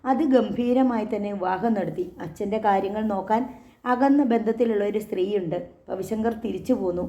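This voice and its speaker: A woman narrates an audiobook in a measured, dramatic way. Her voice has a mellow, dark tone. The audio is dull and lo-fi. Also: medium pitch, echoey room. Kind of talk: scripted narration.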